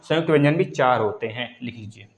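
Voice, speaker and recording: A man's voice: mid-range voice, brisk. Man teaching in an echoey room. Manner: instructive, repeats key terms, addresses students as friends. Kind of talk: online exam-prep lesson.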